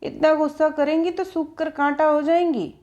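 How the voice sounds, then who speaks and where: A woman's voice: high voice, expressive, moderate pace, darkish tone, highs cut off, pitched above the performer's own voice. A woman voicing a cheeky young male chauffeur who teases and coaxes in a playful, mocking way. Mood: teasing.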